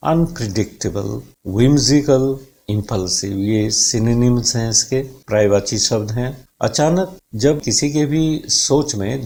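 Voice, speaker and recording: Male English tutor, unhurried and gravelly, spells out stress and syllables. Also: mid-range voice, a little mellow. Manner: explains in Hindi, says English examples slowly and carefully. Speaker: English teacher. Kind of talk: vocabulary and pronunciation lesson.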